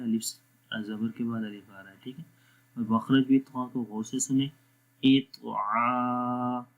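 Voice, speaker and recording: A man teaching Quran letter pronunciation, spelling out syllables one by one and stretching the vowels, then explaining the rules in quicker asides. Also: mid-range voice. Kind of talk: slow spelling-out lesson. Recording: dull lo-fi sound.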